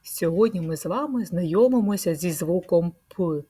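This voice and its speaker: A woman leading a speech-sound lesson for preschool children, stretching out words in a slow, sing-song way. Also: on the low side, expressive, dark tone, slightly rough. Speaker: preschool teacher.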